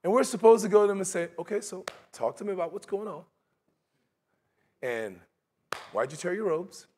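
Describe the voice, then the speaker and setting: A man's voice: sits high, lively intonation, moderate pace, darkish tone, a little hiss or hum. A middle-aged man preaching a sermon in a large church sanctuary, talking in a conversational way and slipping into mocking voices for his examples.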